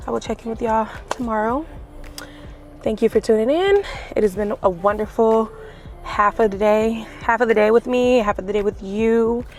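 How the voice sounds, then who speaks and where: A woman's voice: on the high side, moderate pace, darkish tone, soft background music. A young woman vlogger chatting casually and slangily, laughing often as she talks. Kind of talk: casual vlog chat. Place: in a car.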